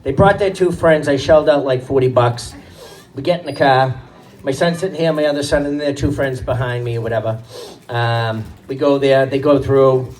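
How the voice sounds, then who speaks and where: A man doing stand-up, telling animated stories about his kids and acting out their voices. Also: medium pitch, moderate pace. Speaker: stand-up comedian and father. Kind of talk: stand-up storytelling. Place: comedy stage before a live crowd. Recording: distant stage mic, audience laughing.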